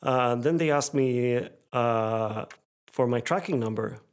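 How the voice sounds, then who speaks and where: A man's voice: mid-range voice, slow pace, clear, resonant tone. A man co-hosting a podcast, telling a rambling story and acting out phone calls in a raised voice. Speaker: podcast co-host. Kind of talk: casual chat.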